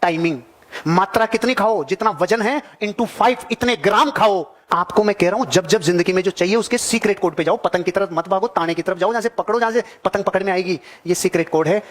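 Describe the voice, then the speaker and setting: A man's voice: high voice, fairly quick. A man giving a motivational seminar talk to a live audience, emphatic and repetitive, calling on listeners directly. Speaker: motivational speaker.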